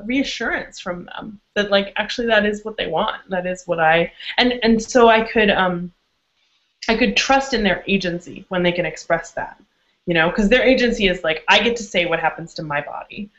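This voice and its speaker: A guest expert answering interview questions frankly, with quick laughs, profanity and frequent restarts. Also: female voice, mid-range voice, a bit bright. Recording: dull lo-fi audio.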